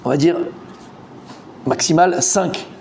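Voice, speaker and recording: Un homme rabbin qui donne un cours de Talmud animé, interroge ses élèves et répète ses mots en s'emportant. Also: male voice, slow pace, a little hiss or hum. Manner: animated, quizzes the students, repeats words, rising pitch when excited. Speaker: rabbi teaching a Talmud class. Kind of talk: lively Torah class.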